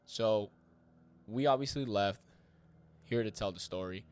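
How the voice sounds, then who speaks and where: A man hosting his own podcast, telling life stories in a loose, animated way, swearing and dropping slangy asides. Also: on the low side, unhurried, clean tone. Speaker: podcast host. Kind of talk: casual personal storytelling monologue.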